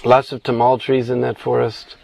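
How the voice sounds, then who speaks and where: A man's voice: mid-range voice, completely flat delivery, normal speed, vocal fry, darkish tone, no room sound, low-quality recording. A man telling a scripture story in an informal sermon, meandering with restarts and frequent "you know".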